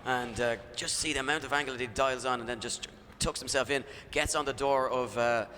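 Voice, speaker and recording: A man commentating live on drift racing as a motorsport commentator, moving between excited calls and analysis. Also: mid-range voice, brisk. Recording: loud engine and vehicle noise outdoors.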